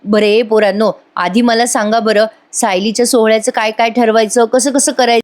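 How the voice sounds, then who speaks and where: A woman's voice: on the high side, fairly even intonation, moderate pace, lightly acted. A woman voicing an affectionate elderly grandmother who talks with enthusiasm. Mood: enthusiastic. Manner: warm, enthusiastic.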